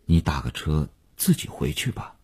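A man voicing a calm adult male pianist who speaks in an even, detached tone. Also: rumbling low, normal speed, slightly rough, pitched below the performer's own voice, exaggerated voice. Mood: cool.

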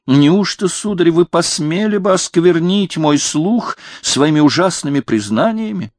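A man's voice: medium pitch, unhurried, no echo, studio quality, voice pushed up, lightly acted. A man voicing a tearful, pompous young king who scolds a courtier. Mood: reproachful.

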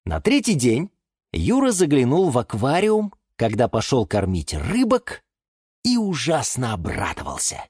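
A woman narrating a children's story in an expressive, theatrical way. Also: very deep voice, unhurried, slightly rough, no echo, clean studio sound.

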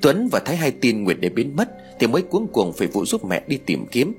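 A man narrating a dramatic family story in a lively, expressive reading. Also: mid-range voice, brisk, faint music behind. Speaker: audiobook narrator.

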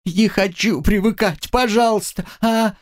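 A man's voice: high-pitched, unhurried, pitched above the performer's own voice. A man voicing a frightened young female student who pleads and cries out in desperation. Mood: pleading.

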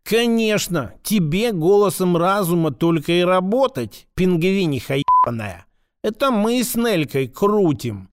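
A man voicing a shrill, drunk, childish-sounding woman. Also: sing-song, measured pace. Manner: squealing, screeching, vulgar.

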